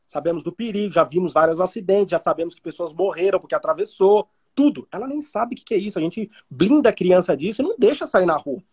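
Man, Brazilian Portuguese accent, trading teacher, casual chat, husky, lively intonation. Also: high voice, fast, hardly any pauses. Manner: animated, explains through everyday analogies.

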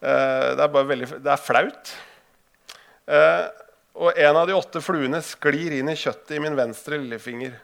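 A man's voice: on the high side, gravelly, a bit bright. A man giving a talk to an audience, telling a story with lots of filler sounds and restarts and reading passages aloud from his own book. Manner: hesitant, many filler sounds and restarts when speaking freely.

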